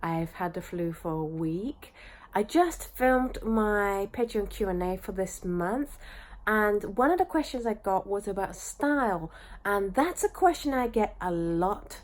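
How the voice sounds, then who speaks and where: A woman's voice: medium pitch, animated, measured pace. A woman, nasal and congested from a flu, chatting casually to a handheld camera from her bed as an artist vlogger, explaining things at length. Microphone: handheld camera at arm's length.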